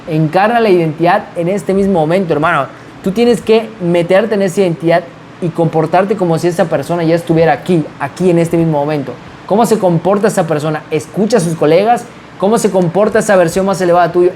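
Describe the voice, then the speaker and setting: A man's voice: high voice, darkish tone, a little hiss or hum. A man giving an insistent, repetitive motivational monologue. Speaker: motivational speaker.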